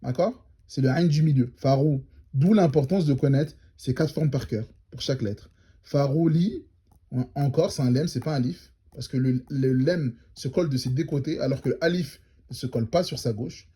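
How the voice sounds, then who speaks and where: A man teaching Arabic reading step by step, patiently repeating syllables slowly and checking that his students follow. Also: mid-range voice, mellow, slightly rough. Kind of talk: step-by-step lesson.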